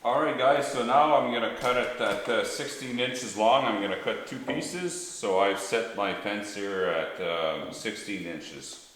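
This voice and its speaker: A man's voice: on the low side, unhurried, fairly bright tone, distant mic, a little hiss or hum. Man on echoey old camcorder audio. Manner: plain, stop-start explaining with many "uh"s. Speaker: woodworking host. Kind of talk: casual how-to demo. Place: woodworking shop with machines.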